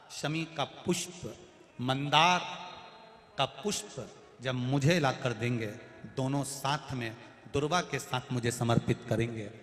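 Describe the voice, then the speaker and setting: A preacher voicing a boon-granting male god. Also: mid-range voice. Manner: solemn, declaiming, swelling loud then soft. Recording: roomy hall reverb through PA.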